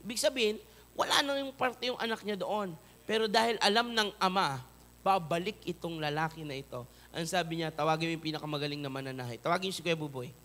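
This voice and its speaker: A male pastor with a Filipino accent preaching a sermon, moving between loud emphatic peaks and soft, low pleading. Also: brisk.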